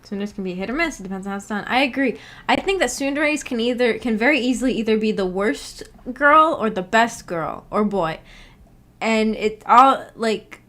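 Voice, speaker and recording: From her indoor home streaming setup, a woman who hosts a book club chats casually with viewers, reading out their comments and giggling as she thinks aloud. Her voice is fairly high, expressive and a bit bright, at a moderate pace.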